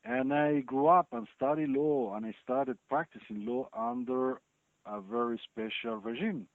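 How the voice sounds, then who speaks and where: A man in his fifties from Chile, giving thoughtful interview answers with many pauses and fillers. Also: mid-range voice, vocal fry, no room sound. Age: 50s. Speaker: chief legal officer, guest. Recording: dry, tinny phone-like sound.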